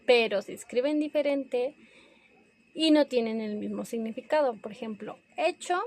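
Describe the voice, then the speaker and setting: A woman's voice: fairly high pitch, darkish tone. A young woman presenting a class review, hesitant and correcting herself as she goes. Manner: hesitant, self-correcting, slow and careful.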